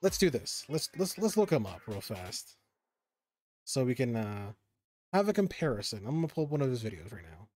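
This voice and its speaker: A young man with a medium-pitched, darkish voice talks briskly while streaming a video game, his pitch swinging widely. He chats casually with viewers, rambling, stopping and restarting, and swearing under his breath now and then. The recording is dry.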